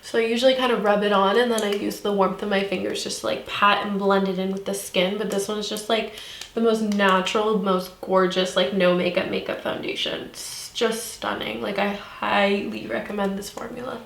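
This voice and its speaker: A woman's voice: medium pitch, fairly even intonation, normal speed, gravelly. A young woman working as a makeup artist, chatting earnestly and upbeat in a casual beauty tutorial. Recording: echoey room.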